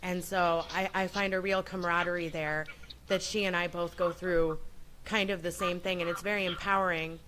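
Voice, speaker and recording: A woman hosting a radio show, chatting casually and admiringly in a loose, unscripted way as she gives shout-outs. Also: lowish voice, steady tone, moderate pace, background noise.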